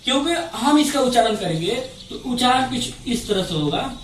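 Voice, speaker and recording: A man teaching grammar at a board, explaining patiently. He repeats each point and asks his students questions out loud. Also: very high-pitched, expressive, moderate pace. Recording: roomy echo from a distance, faint background noise.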